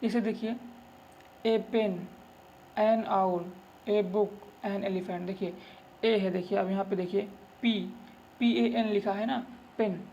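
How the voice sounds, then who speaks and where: A man teaches an English grammar lesson in a high-pitched, steady, slightly mellow voice, speaking slowly with long pauses. He repeats his points, coaxes students along with "look" and "okay," and fondly calls them "babu." A little hiss or hum runs underneath.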